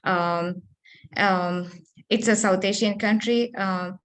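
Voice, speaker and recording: A woman's voice: medium pitch, steady tone, slow pace, clean tone. Hesitant woman from Sri Lanka on a video call. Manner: hesitant, many fillers and restarts. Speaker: guest speaker, postdoctoral researcher. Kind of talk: seminar interview over video call.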